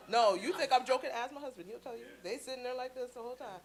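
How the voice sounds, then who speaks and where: A woman from Canada speaking to a church congregation, telling stories with playful asides in a lively sermon. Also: on the high side, fast talker. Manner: chatty storytelling with playful asides.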